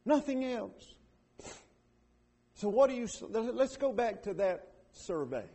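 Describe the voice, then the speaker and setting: A middle-aged man preaching a sermon, swinging between loud emphatic declarations and quiet earnest appeals. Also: extremely high pitch, big pitch swings, takes it slowly, husky.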